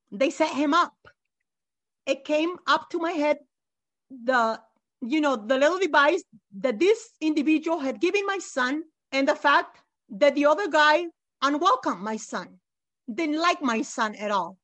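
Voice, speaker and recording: A woman's voice: sits high, animated, a little slow, fairly bright tone. A middle-aged mother giving emotional, insistent testimony as an interview guest, near tears and repeating herself.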